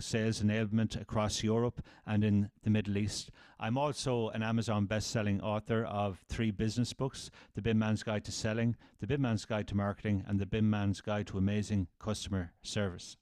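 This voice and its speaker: A man's voice: lowish voice, a little mellow, clear, resonant tone, dry recording, clean studio sound. A middle-aged man with an Irish accent, hosting a podcast in a conversational style. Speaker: podcast host, sales trainer.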